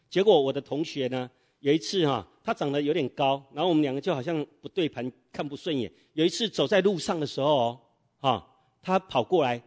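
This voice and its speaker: A man preaching animated sermon. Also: fairly high pitch. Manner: animated, quizzes the congregation with fill-in questions. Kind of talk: sermon storytelling.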